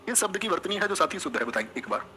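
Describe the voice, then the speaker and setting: A man's voice: high-pitched, very animated, very fast, sharp tone, a little hiss or hum. A male teacher giving an exam coaching lesson, drilling students with repeated questions and answers and calling them friends and brothers. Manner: addresses listeners as friends and brothers. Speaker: Hindi teacher.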